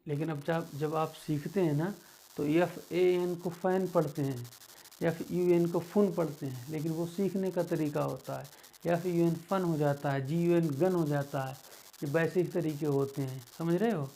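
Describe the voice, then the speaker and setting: A man leads a beginner English lesson, slow and patient, saying each word over and over for his students. His voice is gravelly and somewhat dark, pitched a little high for a man. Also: steady tone, slight background noise. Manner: slow, patient, repeats words for learners. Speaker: English teacher.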